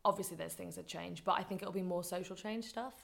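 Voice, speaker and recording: Fast and gravelly with a fairly low pitch, the speaker is a Scouse-accented woman from Liverpool, England, in her twenties. She's a campaigner guesting on a podcast, keeping the interview chat casual and sprinkling in plenty of "like."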